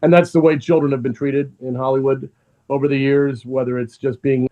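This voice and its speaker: Earnest man in middle pitch, thinking aloud. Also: flat delivery, warm tone, muffled recording. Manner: measured, restarts often, earnest. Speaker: filmmaker guest. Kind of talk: reflective interview answers.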